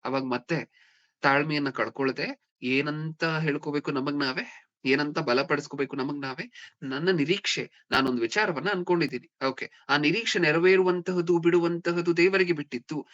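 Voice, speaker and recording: A man's voice: on the high side, moderate pace, fairly bright tone. A man preaching a sermon, often checking in with his listeners with rhetorical questions. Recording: dull lo-fi recording.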